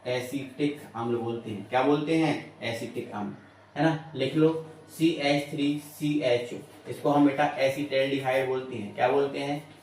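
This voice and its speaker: A man's voice: mid-range voice, fairly even intonation, moderate pace, a little mellow, slight background noise. Man teaching chemistry in an echoey room. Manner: coaxing, repeats questions to students. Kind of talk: classroom lecture. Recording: very echoey room, mic at a distance.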